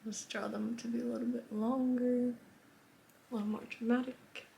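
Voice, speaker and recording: A woman's voice: fairly high pitch, little pitch movement, moderate pace, creaky, dark tone, slight background noise. A woman giving a casual, chatty makeup tutorial, rambling and often dropping to a whisper. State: a bit out of breath. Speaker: makeup vlogger.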